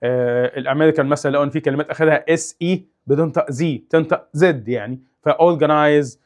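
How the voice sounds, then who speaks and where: A young man with an Egyptian Arabic accent teaching English in a casual, animated way, exaggerating sounds to demonstrate them. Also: on the high side, fast. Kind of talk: casual explanatory lesson.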